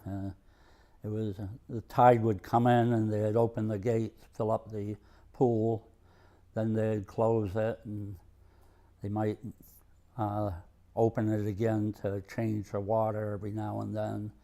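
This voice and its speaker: An older man with a Maine accent tells his oral history in a soft-edged, mellow voice. His delivery is very even and slow, with halting pauses. He sounds plainspoken and understated throughout. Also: on the low side. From Maine, USA. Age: over 65. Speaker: retired mill worker and museum volunteer. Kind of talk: oral history interview, reminiscing.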